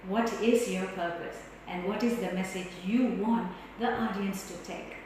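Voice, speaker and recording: Woman, public speaking lesson, projected emphatic delivery, non-native phrasing, very echoey room, faint noise. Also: mid-range voice. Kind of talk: instructional talk on giving speeches. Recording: very echoey hall, distant mic, faint noise.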